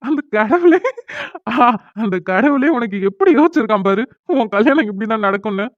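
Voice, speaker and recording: A woman's voice: fairly high pitch, normal speed, no room sound, close to an everyday voice. Woman playing a teasing young best friend. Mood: gleeful teasing. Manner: mocking, amused, excitable. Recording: dry, tinny phone-like audio.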